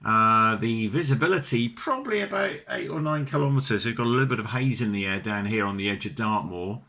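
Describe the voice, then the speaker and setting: A British amateur radio operator speaks from his home station in a fairly low, bright, crisp-edged voice with lively intonation and a fairly quick pace. Courteous and chatty, he shows clear enthusiasm throughout the back-and-forth.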